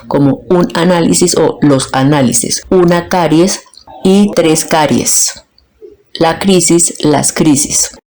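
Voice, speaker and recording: A woman from Colombia, teaching a grammar lesson and slowly breaking words into their parts. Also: deep voice, warm tone. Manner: slow, deliberate, splits words into their parts. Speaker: Spanish teacher.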